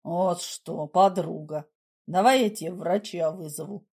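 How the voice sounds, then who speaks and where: A woman reading an audiobook, voicing a condescending adult man who talks in a dry, mocking, unhurried way. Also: mid-range voice, dark tone, voice pushed down, close to an everyday voice. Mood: mocking calm.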